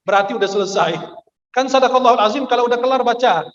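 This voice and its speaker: Guy preaching in a funny storytelling way, really high voice, dull lo-fi sound. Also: fast talker, echoey room. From Egypt. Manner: lively storyteller who acts out the people in his stories. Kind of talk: humorous Ramadan sermon with anecdotes. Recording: dull lo-fi recording.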